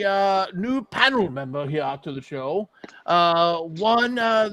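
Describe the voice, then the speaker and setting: Man playing a pompous, higher-pitched horror host. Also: fairly bright tone. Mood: theatrical, grand. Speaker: show host and announcer. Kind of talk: in-character wrestling panel show hosting.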